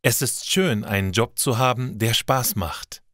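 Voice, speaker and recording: A man voicing a supportive young woman who calms her nervous friend. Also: mid-range voice, measured pace, no echo, studio quality. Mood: reassuring. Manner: reassuring.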